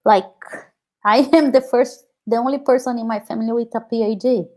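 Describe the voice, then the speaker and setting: As an interview guest, a Brazilian woman in her thirties, an activist and scholar with a Brazilian Portuguese accent, earnestly reflects on her personal story with many filler "like"s. Her voice is fairly high, steady, a little mellow, and fairly quick.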